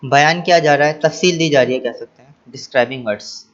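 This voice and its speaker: A man's voice: a little high, fast talker, muffled recording. A male teacher explaining English action words to children. He spells each word letter by letter, then repeats it, translates it and asks the class rhetorical questions.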